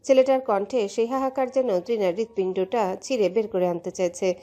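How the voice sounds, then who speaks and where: A woman narrating a romantic audio story in an emotive, steady way. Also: medium pitch, a little fast.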